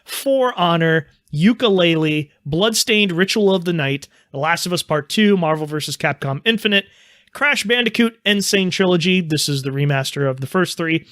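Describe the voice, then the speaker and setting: A man's voice: a little high, animated, normal speed, fairly bright tone, no room sound, studio quality. A man hosting a casual video game podcast, upbeat as he leads the talk. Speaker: podcast host.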